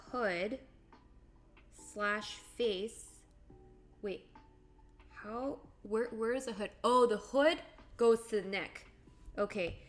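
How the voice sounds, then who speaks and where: A woman in her late twenties, speaking in a medium-pitched, fairly bright voice, hosts a livestream where she chats casually and bubbly, drawing as she reads out viewer comments.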